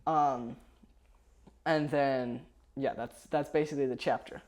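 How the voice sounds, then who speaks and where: A man's voice: medium pitch, fairly even intonation, a little slow, darkish tone. A young man casually summarizes a Bible chapter on a podcast, hesitant and full of fillers and restarts. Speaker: podcast co-host.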